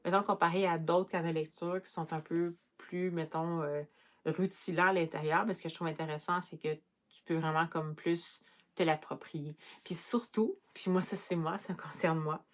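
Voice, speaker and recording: Young québécois woman, book vlogger, rambling casual chat, lowish voice. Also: fairly even intonation, moderate pace. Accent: Québécois French. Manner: chatty, rambling, many fillers.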